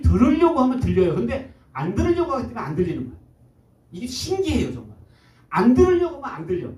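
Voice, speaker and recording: A male pastor preaching with a mellow, fairly high voice that jumps from loud exclamations to hushed, low asides. He sounds set back from the microphone, and the room around him is echoey, like a church sanctuary. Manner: swings from loud exclamations to low soft quoting. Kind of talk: sermon. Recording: echoey room, voice from far off the mic.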